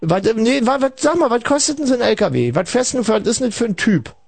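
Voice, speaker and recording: A man's voice: very high-pitched, lively intonation, fast talker, creaky, breathy edge, dry recording. Rambling ironic radio host man. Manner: rambling, ironic, addresses listeners as kids. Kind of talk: late-night call-in radio banter.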